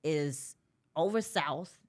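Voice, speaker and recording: A woman from Birmingham, Alabama, a podcast guest telling stories in a casual, animated way. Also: low voice, slow pace. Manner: laughs easily, animated storytelling. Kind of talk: casual conversation.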